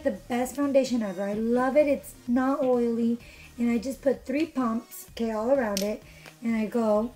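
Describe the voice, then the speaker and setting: In her bedroom with a couch, a young beauty vlogger, a bit hoarse from being sick, chats cheerfully through a makeup tutorial, filling her speech with fillers. Her voice runs somewhat high yet dark in tone. A camera at arm's length in front captures her, with poor audio.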